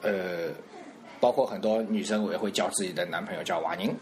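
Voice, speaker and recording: A man's voice: on the low side, big pitch swings, a little fast, creaky, a little hiss or hum. A man hosting a casual radio language lesson, coaching pronunciation and laughing often. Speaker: dialect teacher and host.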